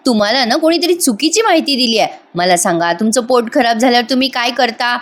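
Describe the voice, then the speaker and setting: A woman voicing a caring young wife who speaks softly and coaxingly. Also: on the high side, animated, a little fast, natural voice. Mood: gentle. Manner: soft and coaxing. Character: gentle caring young wife, calm reasoner.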